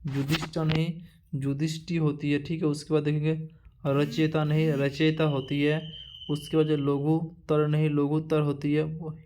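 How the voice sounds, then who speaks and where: A man teaching an exam-prep lesson, going through a word list one entry at a time. His voice sits a bit high and stays flat, barely rising or falling. He drills each item with the same pattern and often stops to restart a word. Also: a little hiss or hum. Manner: repetitive drilling, halting restarts.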